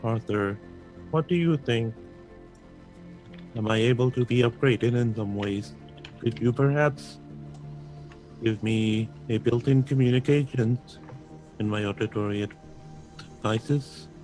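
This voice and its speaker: A man's voice: medium pitch, slow, pauses often, darkish tone, faint music behind, close to an everyday voice, rough recording. A man voicing a formal, polite robot crewmate with stiff phrasing in a tabletop game. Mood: polite, curious. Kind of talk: tabletop role-play in character.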